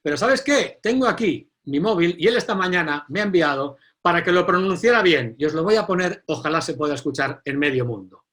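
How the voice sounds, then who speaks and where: A middle-aged man, hosting an online forum and introducing the next speaker in an animated, emphatic way. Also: a little high, fairly quick, hardly any pauses. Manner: animated, emphatic, repeats key phrases. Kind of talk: live online event introduction.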